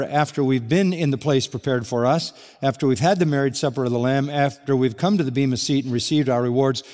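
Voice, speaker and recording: Reading scripture with earnest emphasis, an older man preaches an expository sermon as a pastor, his mid-range voice darkish in tone. A long reverb fills the large hall where it was recorded.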